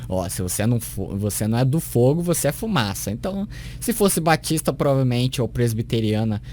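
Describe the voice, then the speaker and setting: A man's voice: medium pitch, very animated, fairly quick, darkish tone. A man in a mid-range voice picks apart a sermon with scorn and sarcasm. There is a faint hiss behind him. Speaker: commentator reacting to a sermon. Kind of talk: critical reaction commentary.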